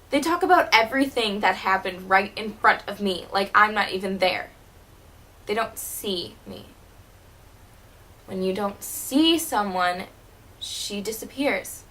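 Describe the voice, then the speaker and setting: A woman's voice: medium pitch, a bit bright, lightly acted, poor audio. A woman playing a wounded teenage girl. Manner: bitter, hurt, halting with repeated words. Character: wounded, wry teenage girl, former child stage performer. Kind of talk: dramatic stage monologue.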